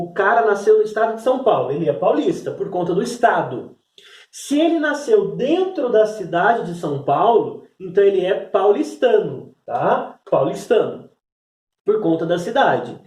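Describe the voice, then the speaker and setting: A man's voice: high-pitched, a little mellow, reverberant, recorded from a distance. A man teaching a class, explaining step by step and checking in with "né?" as he goes. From Brazil. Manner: explanatory, repeats "né?" and "então". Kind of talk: recorded class lesson.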